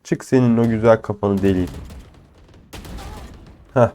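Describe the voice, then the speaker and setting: A young man with a cold, giving casual, excitable commentary over his own shooter gameplay, swearing and teasing opponents. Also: fairly low pitch, unhurried, a little hiss or hum. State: ill with a cold. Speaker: gaming channel host.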